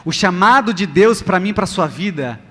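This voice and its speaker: Here a male pastor with a Brazilian accent preaches live in a large church hall, his high-pitched voice animated and sharp at a moderate pace. He hammers his points through repetition and rhetorical questions to the crowd. The sound has long reverb and music beneath it.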